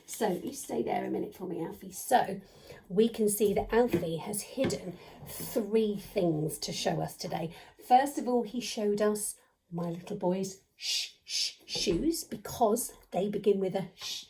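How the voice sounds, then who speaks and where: A woman teaching a children's phonics lesson from home, playful and animated, often whispering and stretching out letter sounds as she chats with a puppet. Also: medium pitch, a little slow, vocal fry, slight background noise.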